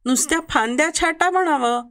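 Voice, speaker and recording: A woman storyteller voicing the boy's father, a calm man calling down from a balcony in a raised voice, in a children's story. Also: high-pitched, brisk, voice pushed up.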